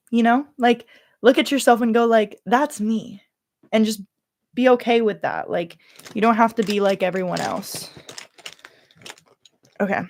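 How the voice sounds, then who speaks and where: Her voice sits at medium pitch with a darkish tone, captured in a dry, clean studio recording. The same YouTuber and livestream host, a young adult with a Californian, slightly Valley Girl accent, chats loosely and rambles, interrupting herself and filling gaps with filler words.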